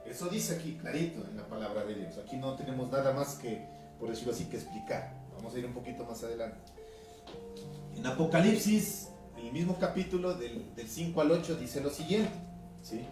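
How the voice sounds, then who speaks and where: Ecuadorian pastor preaching in an echoey room. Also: male voice, medium pitch, lively intonation, a little fast. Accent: Ecuadorian highland Spanish. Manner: conversational preaching, reading scripture aloud, frequent tag questions. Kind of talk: sermon. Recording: echoey room from a distance, music behind.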